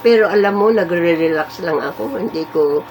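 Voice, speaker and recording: A woman in her eighties chats casually as a vlogger, her somewhat low, slightly mellow voice moving at a moderate pace. She rambles and stresses her points, often repeating herself and affirming what she just said with fillers. The low-quality recording carries a little hiss or hum.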